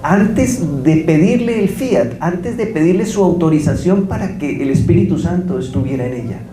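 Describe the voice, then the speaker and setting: A man's voice: a little high, animated, normal speed, roomy sound, rough recording. A man giving a religious lecture as guest speaker, telling stories with quoted dialogue.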